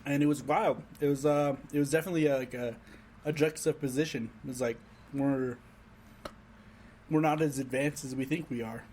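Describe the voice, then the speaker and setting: A man's voice: medium pitch, steady tone, moderate pace, darkish tone, slight background noise. A man co-hosting a casual podcast chat, telling stories animatedly and swearing casually. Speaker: podcast co-host.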